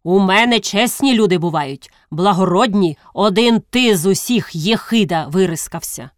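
A woman's voice: mid-range voice, expressive, moderate pace, dry recording, studio quality, natural voice. A woman voicing a drunk, furious village host. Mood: drunken fury. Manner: shouting, slurred and accusing. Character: drunk, quarrelsome middle-aged male host.

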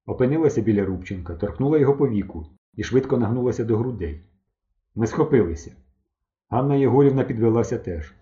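A man narrating an audiobook in an even storytelling manner. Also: medium pitch, quick pace, muffled recording.

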